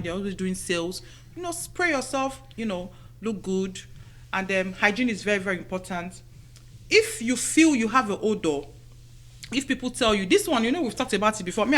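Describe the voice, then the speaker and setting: A middle-aged woman talks warmly and conversationally into a studio microphone, offering everyday advice in a chatty, motherly way. She drifts through her points with frequent "you know" asides, sounding like a friendly radio host chatting with her listeners. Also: medium pitch, slight background noise. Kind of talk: casual advice talk to women listeners.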